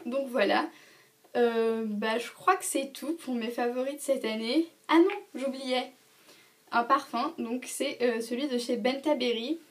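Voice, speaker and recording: Young woman, beauty vlogger, casual halting chat, slightly high voice, a bit far from the mic. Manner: hesitant, many fillers and restarts. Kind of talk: casual product review.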